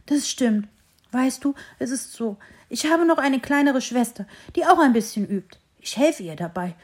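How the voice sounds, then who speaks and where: Storybook: woman reads a sporty, cheerful young hare, lively and fairly high. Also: normal speed. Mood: explaining. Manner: lively and excited. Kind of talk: storybook reading.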